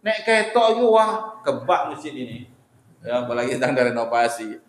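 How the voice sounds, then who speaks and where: A man's voice: mid-range voice, normal speed. A man preaching a sermon in a mosque, talking conversationally and putting questions straight to the congregation. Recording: very echoey mosque hall.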